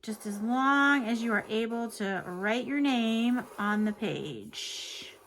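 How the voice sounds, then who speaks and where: A woman's voice: fairly high pitch, expressive, slow pace, fairly bright tone, slight background noise, poor audio. A woman hosting a children's art lesson, giving simple, encouraging step-by-step instructions. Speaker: children's art teacher and show host.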